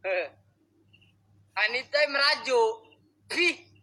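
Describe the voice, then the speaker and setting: A man's voice: very high voice, lively intonation, very slow, pushed and bright. A man live-streaming a spirit summoning, scolding and coaxing unseen spirits in short, clipped outbursts.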